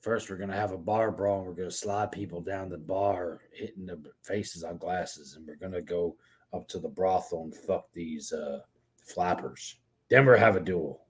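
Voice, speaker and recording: A man's voice: low-pitched, moderate pace. Crude, playful joking man. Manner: crude, playful, laughs easily. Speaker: podcast co-host. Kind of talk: casual comedic banter.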